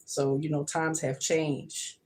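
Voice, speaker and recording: Woman livestream host, low register, chatty and emphatic, repeats herself for effect. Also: little pitch movement, slow pace, darkish tone, a little hiss or hum, poor audio. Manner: emphatic, repeats her points. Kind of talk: casual livestream monologue. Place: home kitchen.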